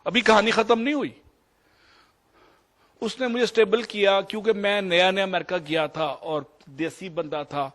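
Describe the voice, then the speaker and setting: A man's voice: high-pitched, fairly even intonation, a bit bright. A man in his fifties with a Pakistani Urdu accent, a doctor telling a personal story in a rambling, anecdotal way with English phrases mixed in. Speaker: doctor sharing experiences. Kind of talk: storytelling talk.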